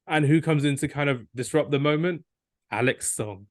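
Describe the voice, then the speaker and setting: A man's voice: fairly high pitch, normal speed, no echo, clean studio sound. A young man co-hosting a football podcast, rambling enthusiastically and acting out quotes. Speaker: podcast co-host. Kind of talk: casual football debate.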